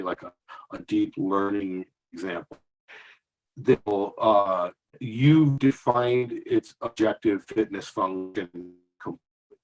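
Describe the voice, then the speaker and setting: A man speaking as a guest over a video call whose audio cuts in and out, so his volume keeps rising and dipping, and he talks haltingly with many restarts. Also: fairly low pitch, low-quality recording. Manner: halting, full of restarts and fillers. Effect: choppy call audio with uneven, dipping volume. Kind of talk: remote panel discussion.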